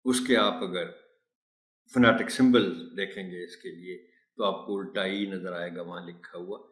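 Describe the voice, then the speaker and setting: Slow, patient man teaching pronunciation. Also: low voice, steady tone, a bit bright. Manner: patient, explaining slowly and repeating model words. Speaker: teacher trainer. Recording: echoey room.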